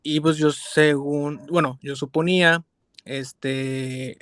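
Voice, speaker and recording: A male student who speaks hesitantly, pausing and searching for words. His voice is somewhat high, smooth and flat in pitch. The sound is dry and close. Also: no echo.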